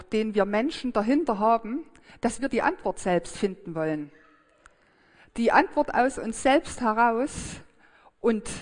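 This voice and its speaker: Reflective woman preaching in a reverberant hall. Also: a little high. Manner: reflective, hesitant, with frequent fillers and restarts. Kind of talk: sermon.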